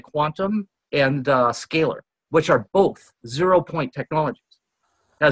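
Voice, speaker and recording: A man speaks as a guest on a casual talk show, earnest and rambling, with his voice pitched a little high. He fills his pauses with "uh" as he goes. The sound is dry and close, with no room echo. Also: fairly bright tone. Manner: rambling, earnest, frequent "uh" fillers. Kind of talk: casual chat.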